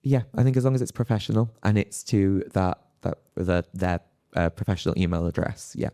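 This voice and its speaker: A man with a low, mellow voice and a slightly fast pace speaks as a psychology lecturer on a live academic panel. He phrases his thoughts hesitantly and reflectively. The sound is dry and clean, studio quality.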